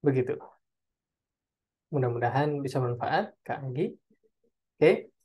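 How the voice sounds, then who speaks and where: A man's voice: medium pitch, animated, measured pace, husky, muffled recording. A man giving a parenting webinar and answering audience questions. He talks in a loose, conversational way and keeps checking in with his listeners. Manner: conversational, tags phrases with "ya" and "oke". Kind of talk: online webinar Q&A talk.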